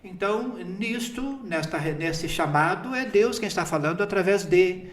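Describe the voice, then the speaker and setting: A man's voice: sits high, animated, normal speed, reverberant. A man in his fifties, a priest, telling a personal story in a chatty interview manner. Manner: chatty storytelling, often breaking into laughter. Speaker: priest named bishop.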